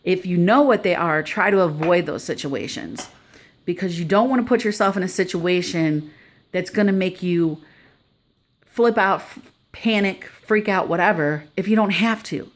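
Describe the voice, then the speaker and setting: A woman's voice: fairly low pitch, normal speed. A middle-aged woman talking casually to the camera in an earnest, conversational way, sharing her own experience. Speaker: vlogger sharing personal experience.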